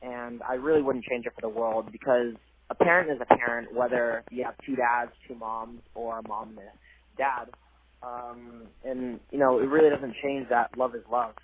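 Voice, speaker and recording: This guest is a young adult college athlete from Cambodia, interviewed by phone over a tinny line with faint hiss. He's earnest and soft-spoken, pausing on fillers, with a husky mid-range voice at normal speed and fairly even intonation.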